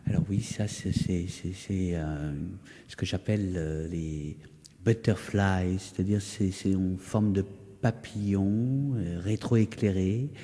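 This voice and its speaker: A man, an artist explaining their work in an interview, halting and searching for words, in an echoey hall. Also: low-pitched, dark tone, slightly rough. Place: indoor hall of a townhouse. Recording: echoey, resonant building interior.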